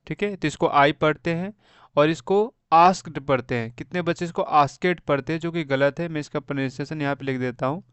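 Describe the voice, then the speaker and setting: A man's voice: on the high side, smooth, dry recording. A man teaching beginners to read English, spelling words out letter by letter and checking in often with a friendly "okay". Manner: slow, spells words letter by letter and repeats "thik hai". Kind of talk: phonics lesson for beginners.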